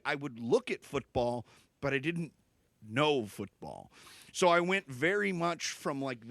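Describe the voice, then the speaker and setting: A man's voice: bright, forceful tone, dry recording. A man in his thirties from Michigan, co-hosting a podcast and telling rambling stories full of fillers. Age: 30s. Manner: rambling, filler-heavy storytelling, swinging pitch. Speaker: podcast co-host. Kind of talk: casual chat.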